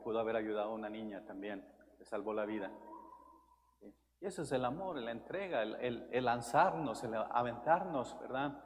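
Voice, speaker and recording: A man, a priest, giving a homily, telling a story with loud, emphatic stretches and quiet, low passages. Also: a little hiss or hum. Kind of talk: Spanish homily. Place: large church. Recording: church with long reverb.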